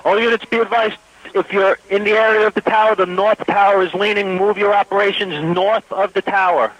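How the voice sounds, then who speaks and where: A man's voice: sits high, little pitch movement, a little fast, fairly bright tone, no echo. A man giving terse, urgent warnings to units as an emergency radio dispatcher, heard over a two-way radio. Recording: dull lo-fi radio transmission, distant.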